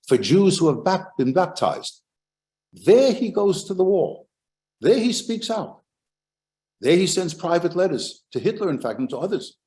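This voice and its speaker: Animated older American history professor lecturing. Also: male voice, mid-range voice. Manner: animated, emphatic, rhetorical questions.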